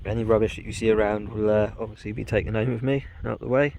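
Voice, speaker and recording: A man chatting casually through an outdoor camping vlog, relaxed, with plenty of ums. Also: on the low side, quick pace, creaky, slight background noise. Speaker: wild camping vlogger. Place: outdoors on a windy hillside.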